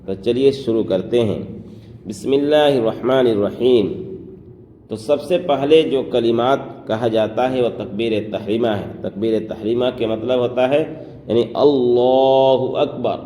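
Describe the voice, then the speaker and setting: A man teaching how to pronounce prayer phrases, explaining quickly and then reciting each phrase slowly and drawn out. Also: mid-range voice, dark tone. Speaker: religious teacher. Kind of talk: pronunciation lesson on prayer phrases. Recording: echoey room, faint background noise.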